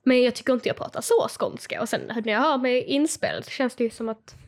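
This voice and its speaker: A woman's voice: a little high, animated. A young woman with a Scanian accent chatting casually, rambling with lots of fillers. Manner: rambling with many fillers, giggles. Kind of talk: casual chat.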